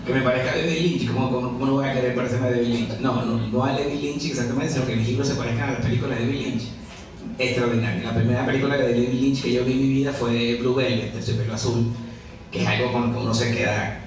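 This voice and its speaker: A Venezuelan novelist in his forties presents his book to an audience in a busy café, speaking fast in a steady, mid-range voice. He keeps it chatty and self-mocking, laughing often. The room echoes, the mic sits far away, and crowd chatter fills the background.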